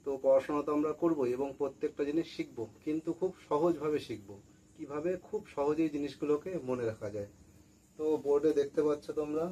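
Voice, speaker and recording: A man with a warm, mid-range voice teaches school students in a room with a board, patiently repeating words and posing questions he then answers himself. The audio is poor, with faint background noise.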